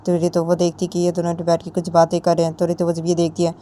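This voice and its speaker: A woman's voice: fairly low pitch, completely flat delivery, quick pace, dark tone. A woman narrating a romantic story in a plain, repetitive storytelling manner.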